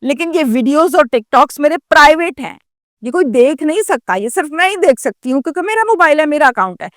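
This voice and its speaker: A woman's voice: high-pitched, lively intonation, brisk, dry recording, clean studio sound, pitched above the performer's own voice. A woman voicing a pleading, defensive twenty-year-old student.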